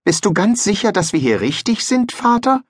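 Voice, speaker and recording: A man's voice: sits high, sing-song, moderate pace, breathy edge, dry recording, studio quality, voice pushed up, exaggerated voice. A man voicing a fisherman's anxious young son who keeps putting worried questions to his father.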